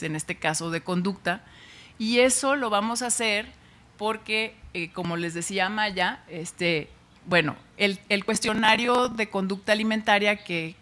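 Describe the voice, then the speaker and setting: A woman's voice: fairly low pitch, a bit bright. Chatty Mexican woman giving a talk. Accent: Mexican Spanish. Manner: chatty, with frequent fillers and restarts. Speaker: researcher giving a public science talk. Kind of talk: informal public lecture.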